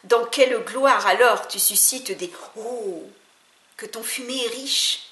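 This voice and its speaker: A woman reading a translated poem aloud in a theatrical recitation, her voice swelling louder on the exclamations. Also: fairly high pitch, slow. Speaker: poetry reader. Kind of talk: dramatic poetry recitation. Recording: echoey room.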